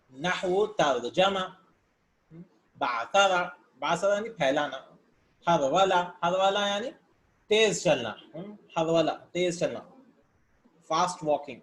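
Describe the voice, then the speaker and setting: A man's voice: high-pitched, a bit bright. A man teaching Arabic grammar in a casual lesson, reading words aloud and explaining them in with English terms mixed in, sometimes thinking aloud.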